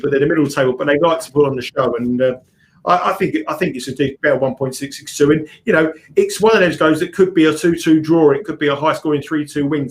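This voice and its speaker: A man talking as a guest tipster on a live betting stream, rushing and restarting his sentences. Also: medium pitch. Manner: rapid, restarts often, repeats himself.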